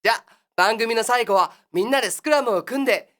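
A woman's voice: fairly high pitch, brisk, a bit bright, close to an everyday voice. A woman playing the cheery big-brother host of a children's exercise show, talking in a sing-song, coaxing patter in a comic monologue.

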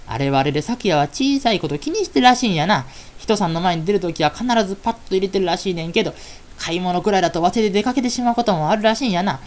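A woman voicing a knowing, gossipy fairy girl who talks in a hushed, roundabout way with a Kansai accent. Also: mid-range voice, animated, fast talker, close to an everyday voice.

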